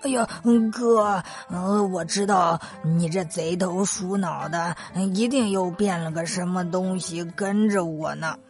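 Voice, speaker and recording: A woman's voice: lowish voice, unhurried, few pauses, faint music behind, pitched below the performer's own voice. Zhu Bajie, a woman doing the whiny pig. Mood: whiny pleading. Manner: whiny, begging, stammering with fillers. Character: clumsy cowardly male pig disciple, pleading. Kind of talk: children's storytelling.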